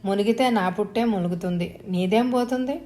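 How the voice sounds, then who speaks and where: A woman's voice: medium pitch, brisk, warm tone, natural voice. A woman voicing a poor, proud young working woman in an audio story, speaking tensely and earnestly. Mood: curt. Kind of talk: audiobook dialogue.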